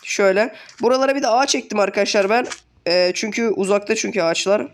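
Fast-talking sick young man gaming. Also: high-pitched. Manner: chatty, swears casually, keeps addressing viewers. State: sick, voice worn. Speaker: gaming channel host. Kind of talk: casual let's play commentary.

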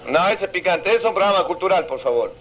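A stand-up comedian from Santiago del Estero, speaking with a Santiagueño Argentine accent, tells crude jokes outdoors on a seaside promenade and laughs at his own punchlines. His voice sits high and is expressive, brisk, and fairly bright, in a rough recording.

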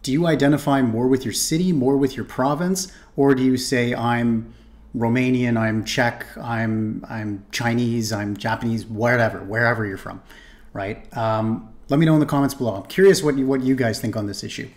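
A young man with a Canadian accent talks casually while reacting to a video, with laughing asides and frequent restarts. His voice sits at an ordinary middle pitch. He records from a small room on a desk mic while wearing headphones. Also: steady tone, normal speed. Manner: chatty, laughing asides, repeats himself. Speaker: reaction streamer.

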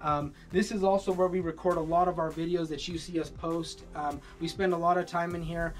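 A man in his thirties giving a relaxed walking tour of his company's warehouse and offices, with frequent fillers. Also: fairly high pitch, brisk, recorded from a distance. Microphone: camera following him, mic at a distance. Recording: echoey rooms, voice a bit off-mic, soft music underneath.

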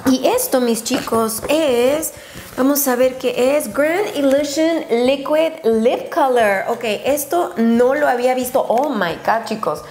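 A chatty, excitable woman with a Mexican accent, unboxing a beauty haul and dropping English exclamations. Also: high-pitched, a little slow. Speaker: beauty vlogger. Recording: roomy echo with faint noise.

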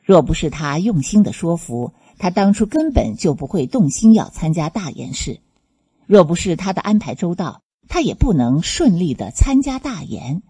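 A woman reading a serialized novel aloud as an audiobook narrator, with expressive storytelling. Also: on the low side, moderate pace, breathy edge. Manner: expressive storytelling, voicing each character.

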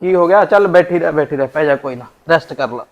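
A man with a Punjabi accent acting a husband in a short film, calming his wife down. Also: fairly high pitch, quick pace, dull audio. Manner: placating, easygoing.

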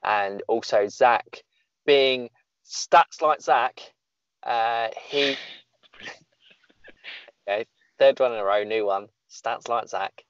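Joking British-style podcast host, dull lo-fi sound. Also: male voice, medium pitch, very slow, pauses often, clear, resonant tone, dry recording. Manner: joking, rambling, self-deprecating. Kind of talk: casual podcast chat.

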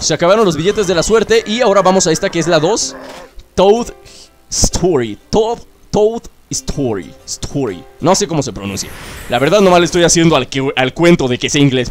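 Excitable man narrating gameplay. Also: a little high. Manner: excitable, chatty, cheers himself on. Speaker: gaming YouTuber. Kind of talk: let's play commentary. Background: game music.

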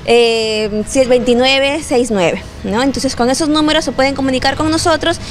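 A woman's voice: sits high, a little hiss or hum. A young woman with a Peruvian Spanish accent, interviewed on camera with a handheld mic, explaining a program step by step. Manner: informative, slows to read out phone numbers. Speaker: program coordinator. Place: indoors in front of a station logo wall. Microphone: handheld station mic.

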